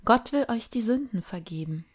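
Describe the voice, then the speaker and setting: A woman's voice: a little high, lively intonation, normal speed. A woman voicing a fervent male prophet who calls out to crowds in a raised, emphatic voice, read from a children's storybook. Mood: urgent.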